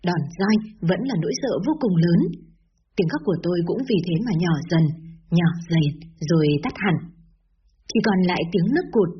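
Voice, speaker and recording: A woman narrating a first-person story in a sorrowful, measured way, in a slightly dull lo-fi recording. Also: on the low side, lively intonation, a little hiss or hum.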